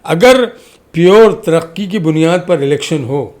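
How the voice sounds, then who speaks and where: As a guest on a podcast, a community activist talks impassioned politics like an orator, stressing his points and repeating phrases in parallel for effect. His voice is on the high side, expressive, a little slow, and darkish in tone.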